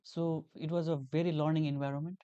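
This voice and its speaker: Speaking fast and flatly in a slightly high voice with a warm, smooth tone, this young man from Nepal talks earnestly as a guest in a casual interview. He works as a graduate teaching assistant and tends to repeat phrases, leaning on lots of fillers. The recording is muffled but has no echo.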